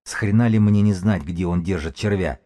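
A sly, rat-like thug, as a man puts him on, hisses in a hushed, very low voice. He sounds furtive and crafty, in this audiobook reading. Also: normal speed, natural voice. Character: sly, rat-like male gang member.

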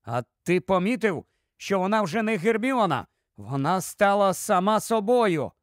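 Anxious clever teen wizard boy, read by a man, flustered and high. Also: lively intonation, a little slow, no room sound, studio quality. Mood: urgent. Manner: flustered and fretful.

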